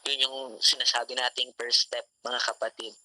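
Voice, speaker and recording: A man's voice: medium pitch, little pitch movement, moderate pace, bright, forceful tone, no echo, poor audio. A man giving a Taglish sermon at an online devotion, often repeating "mga kapatid" to his listeners. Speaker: youth devotion speaker. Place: home, online meeting room. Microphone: call mic.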